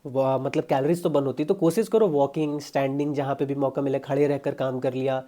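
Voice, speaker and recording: A man's voice: medium pitch, steady tone, a little fast, warm tone. A young man, a fitness coach giving casual, chatty diet advice straight to his viewers. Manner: chatty, pushy, addresses viewers as brother.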